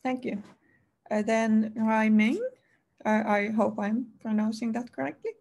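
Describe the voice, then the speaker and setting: Slow, gravelly woman moderator. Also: a little high, fairly even intonation, a little mellow. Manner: halting, many fillers. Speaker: panel moderator. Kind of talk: hosting an online roundtable.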